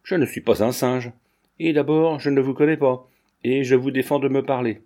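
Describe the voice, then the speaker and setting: A fearless little boy answers adults bluntly and gravely, as a male reader puts him on. The voice is nudged a bit higher but keeps a mellow, warm tone. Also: steady tone, moderate pace, natural voice. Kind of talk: audiobook character reading.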